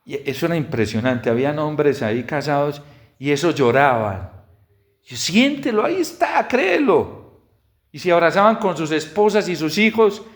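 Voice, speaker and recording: Man preaching a homily. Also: normal speed. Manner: builds to loud high-pitched exhortations; storytelling with lively quoted dialogue.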